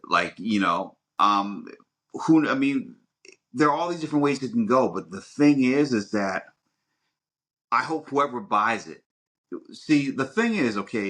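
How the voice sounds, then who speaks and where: In a casual, opinionated podcast conversation, a male co-host speaks at a fairly low pitch with a bright, forceful tone. He's emphatic and rambling, halting as he goes and often repeating words to work through what he means.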